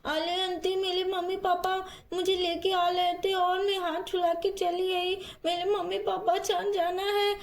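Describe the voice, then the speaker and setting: A woman's voice: very high voice, level tone, unhurried, few pauses, pitched above the performer's own voice. A woman voicing a small lost girl who cries and talks in lisping baby talk. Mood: tearful. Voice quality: childish lisp.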